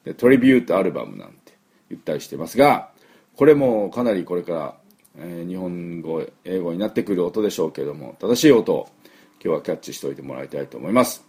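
Low, husky man teaching pronunciation. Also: animated, mellow. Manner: chatty, slow, many fillers, drills words for repeating. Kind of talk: weekly pronunciation lesson.

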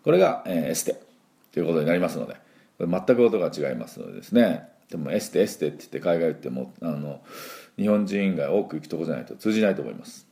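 A man with a low, gravelly voice teaches English pronunciation, sounding out each syllable for his listeners to repeat. His tone is dark and mellow, and his pitch swings widely as he demonstrates the sounds. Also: big pitch swings, fast. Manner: drills sounds aloud, has listeners repeat after him; chatty and encouraging, with filler words. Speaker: English school principal and teacher.

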